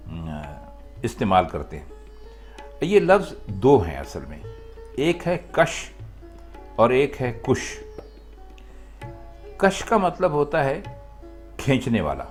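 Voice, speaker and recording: A man giving a measured, deliberate lesson on correct word usage, pausing briefly now and then. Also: medium pitch. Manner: measured and deliberate, with short pauses and "uh" fillers. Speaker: language teacher.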